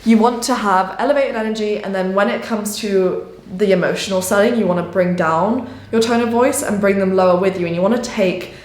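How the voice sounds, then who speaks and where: A woman coaching viewers on sales in a casual talk to camera. Her delivery is expressive, rising and falling in pitch and energy as she explains each point. She sits at a middle pitch, and the room around her rings with noticeable echo. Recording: echoey room.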